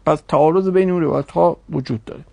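A man's voice: fairly high pitch, creaky, darkish tone, no room sound, muffled recording. A man teaching a religious studies class, reasoning aloud and posing rhetorical questions to his students.

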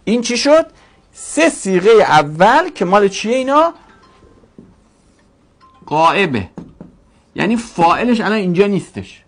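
Guy teaching grammar, gravelly voice, pitch jumps all over, drags out each word form. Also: very animated, a little hiss or hum. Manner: drills word forms slowly, stretching each syllable; asks the class questions and answers them himself. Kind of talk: classroom grammar lesson.

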